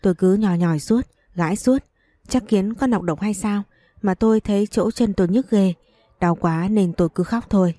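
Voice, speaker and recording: A woman's voice: medium pitch, moderate pace, mellow, dry recording. A woman narrating a first-person story, voicing the dialogue as she goes.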